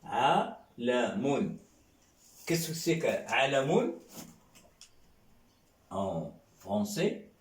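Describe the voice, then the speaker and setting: Slow, echoey-voiced male teacher. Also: a little high, very animated, darkish tone. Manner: slow, repetitive, checking in with "hein?" and "d'accord?". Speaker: Arabic teacher. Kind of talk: classroom lesson. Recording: echoey room.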